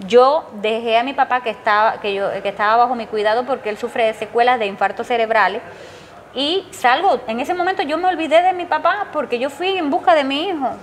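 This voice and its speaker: A middle-aged woman with a Cuban accent gives a personal testimony in long, emotional runs, her voice sitting a little high. She quotes her son in a raised pitch as she tells what happened. A faint steady noise runs under the recording. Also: fairly quick. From Cuba. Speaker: interviewee, mother of a jailed protester.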